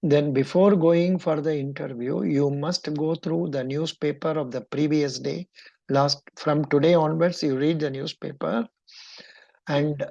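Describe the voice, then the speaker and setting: A woman interview coach speaks in a low, mellow voice with a Kannada-influenced Indian English accent. She is encouraging yet probing, giving instructions as she goes, and the audio is dull and lo-fi. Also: fairly even intonation, a little slow, creaky, no room sound.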